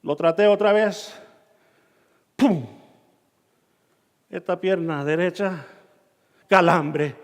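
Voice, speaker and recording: A man preaching a sermon, telling a personal story and acting out his own shouts and dialogue, in a church hall. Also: high voice, extremely slow, pauses often. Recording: long reverb of a church hall.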